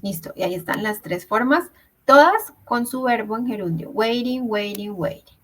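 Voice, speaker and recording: A woman teaches English grammar in an online class, walking through each rule patiently. Her voice sits on the high side. She keeps checking that her students follow. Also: animated, normal speed, a bit bright, a little hiss or hum, poor audio. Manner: patient, explains step by step, checks with "¿listo?". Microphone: video call.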